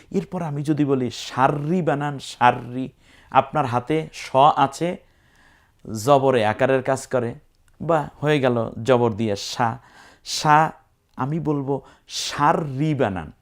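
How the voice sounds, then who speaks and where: In a spelling-out lesson on recitation, a man with a Bangladeshi Bengali accent explains words letter by letter and chants them in long, drawn-out tones. His voice is mid-range.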